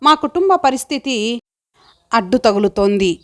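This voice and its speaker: A woman's voice: fairly high pitch, animated, a little slow, fairly bright tone. A woman voicing an earnest young village woman who longs to study, speaking in a heartfelt, pleading way.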